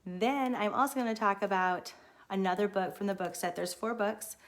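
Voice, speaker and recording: A middle-aged woman who runs a daycare, chatting casually and excitedly on a livestream. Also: mid-range voice, moderate pace. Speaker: daycare owner.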